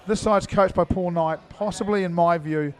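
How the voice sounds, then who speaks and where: Man, cricket commentator, fairly high voice, chatty, many fillers, loud viewer shout-outs. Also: normal speed. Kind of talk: live sports commentary. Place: indoor cricket arena.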